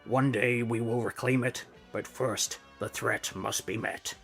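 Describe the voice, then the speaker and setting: A man's voice: medium pitch, a bit bright. A man voicing a noble, resolute robot leader in a comic book reading, formal and solemn.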